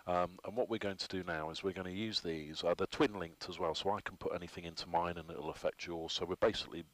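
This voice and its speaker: A man guides a trainee through the cockpit of a flight simulator as instructor. His voice sits very low, and he explains things patiently, one step at a time, with plenty of ums along the way. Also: steady tone, fast talker, fairly bright tone, dry recording. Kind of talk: hands-on instruction.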